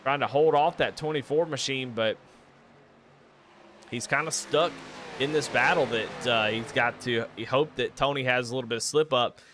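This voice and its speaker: A man with a drawl calls a live race in casual, folksy play-by-play. His voice is bright and forceful, and it climbs high and loud whenever cars make contact. A faint hum of noise sits behind him. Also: normal speed. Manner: excitable, rising sharply and loud during wrecks; folksy, casual Southern phrasing. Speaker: race commentator. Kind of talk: live sim racing play-by-play commentary.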